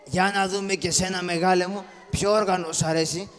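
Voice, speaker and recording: A man's voice: high-pitched, little pitch movement, fairly bright tone. A man voicing a scrappy, poor comic father in a live shadow-puppet show, bossy and teasing as he scolds his children. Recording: echoey hall, live show.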